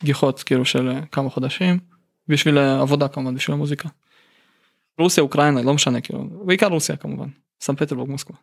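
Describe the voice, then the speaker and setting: A Russian-accented man from St Petersburg, Russia, speaks candidly and colloquially as a musician guest in a casual interview. His mid-range voice is gravelly and steady in tone. The recording is dry and clean, with studio sound.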